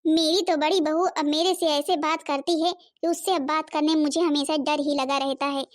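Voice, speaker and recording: A woman's voice: high-pitched, fairly even intonation, moderate pace, close to an everyday voice. A woman voicing a fretful, self-pitying old mother-in-law in a cartoon, complaining plaintively. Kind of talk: Hindi cartoon voice acting.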